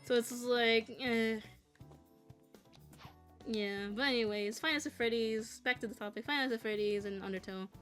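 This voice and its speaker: Gaming and chatting openly, the twenty-something content creator vents through heavy swearing and nervous laughter. Here she speaks at normal speed with frequent pauses, her high-ish voice a bit bright over soft background music.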